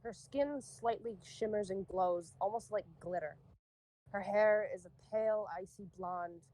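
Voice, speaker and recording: A woman's voice: mid-range voice, unhurried, dark tone, poor audio. A woman running a tabletop game as game master, playful, swearing and laughing often.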